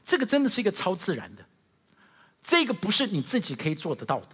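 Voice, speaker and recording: A male pastor preaches in a lively, swooping delivery, pitched high with a bright, slightly husky tone. He keeps turning to the congregation with questions. The church hall rings with a long reverb. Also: fast talker. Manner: animated, asks the congregation questions. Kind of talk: sermon.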